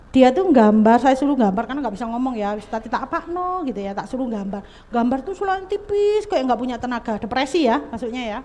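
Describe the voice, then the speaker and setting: A high-pitched woman talks to parents and teachers in a seminar. She is animated and keeps turning to the audience. Her voice carries a long hall reverb. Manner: animated, mixes in local dialect, addresses audience directly. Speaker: psychologist speaker at a school seminar.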